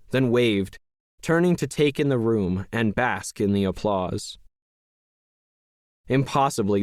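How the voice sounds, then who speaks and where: A man narrating a science fiction audiobook in the first person, in a measured, even storytelling manner. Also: lowish voice, no room sound, clean studio sound.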